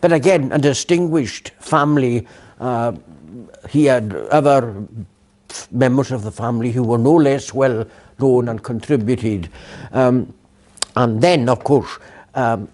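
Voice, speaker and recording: A man's voice: mid-range voice, unhurried, a little mellow. An older man, a former provost, giving a public lecture full of anecdotes, with many fillers and restarts. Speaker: guest speaker, former provost. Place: council chamber.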